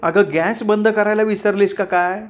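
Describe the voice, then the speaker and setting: A man voicing an excitable, loud young woman student living abroad, talking quickly and impatiently. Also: sits high, voice pushed up, close to an everyday voice. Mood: shouting, exasperated.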